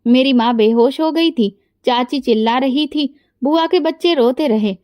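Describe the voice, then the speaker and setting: A woman's voice: sits high, measured pace, darkish tone, dry recording. A woman reading the lines of a proud poor young boy who speaks hesitantly, bitter and sorrowful. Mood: grieving.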